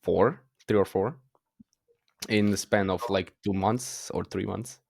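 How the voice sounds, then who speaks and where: A man's voice: deep voice, slow pace, creaky, no room sound. Teen guy with a Croatian accent. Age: teens. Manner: hesitant, frequent fillers and restarts, laughs at himself. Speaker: guest. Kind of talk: casual interview.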